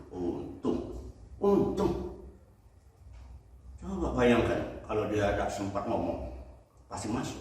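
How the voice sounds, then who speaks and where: Brief: older male pastor, lively storytelling sermon, low voice, distant and echoey church hall. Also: a little hiss or hum. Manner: animated, humorous storytelling.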